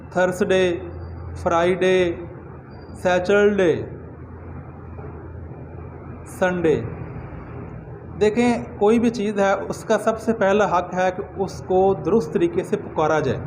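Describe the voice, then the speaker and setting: A man teaching English pronunciation in a spoken lesson, earnestly repeating each word slowly as a model. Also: sits high, darkish tone. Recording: noisy background ambience.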